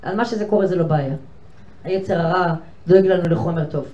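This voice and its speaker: An older woman giving a lively storytelling lecture to a room of women, acting out conversations with big swings in pitch and volume. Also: dull audio. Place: lecture hall with an audience of women. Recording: echoey hall from far off, faint noise.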